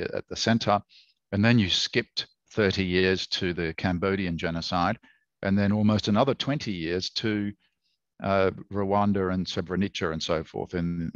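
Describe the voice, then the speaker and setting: An Australian author and historian with a very low voice works through ideas in a thoughtful academic conversation, pausing on fillers and restarting phrases. The audio is dry and slightly dull, like a lo-fi online call, with no room sound.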